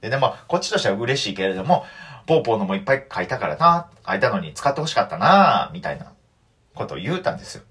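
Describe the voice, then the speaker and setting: Animated young Kansai man telling stories. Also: medium pitch, fast. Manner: animated storytelling, mock-outraged asides. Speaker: comedian and podcast host. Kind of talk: solo radio talk.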